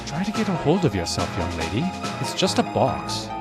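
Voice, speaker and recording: A man's voice: medium pitch, huge pitch swings, normal speed, loud music behind the voice. A man playing a brusque, skeptical, short-tempered naval lieutenant in an audio drama. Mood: brisk, commanding.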